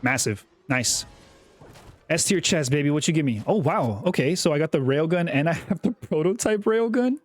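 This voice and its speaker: A young man giving casual, chatty commentary over his own gameplay, often repeating himself and getting excited. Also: fairly high pitch, moderate pace, no room sound, faint music behind. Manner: chatty, self-talking, repeats words, excitable. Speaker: gaming YouTuber.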